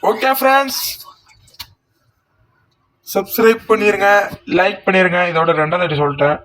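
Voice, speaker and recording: High-voiced excitable young gamer man. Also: normal speed. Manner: excitable, yells repeated words in bursts. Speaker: gaming YouTuber. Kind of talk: live mobile game commentary.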